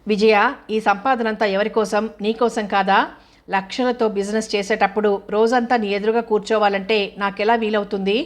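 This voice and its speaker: A woman's voice: mid-range voice, fairly even intonation, brisk, natural voice. A woman voicing a curt, angry businessman husband. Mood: irritated, scolding. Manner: curt, defensive, scolding. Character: short-tempered rich businessman husband.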